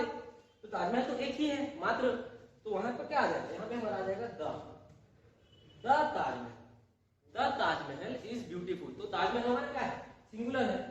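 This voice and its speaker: A high-voiced man teaches a grammar lesson, asking questions of the class and repeating each point. He is heard from across an echoing room, with faint noise behind him. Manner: repeats and asks rhetorical questions. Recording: echoey room, voice from far off.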